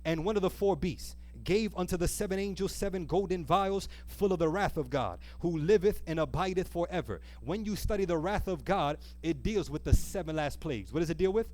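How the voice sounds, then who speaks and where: A fairly quick, high-sitting voice with a slightly mellow quality and few pauses leads a sermon at a live church service. The man speaks earnestly, reading scripture, questioning listeners rhetorically and lingering on key phrases.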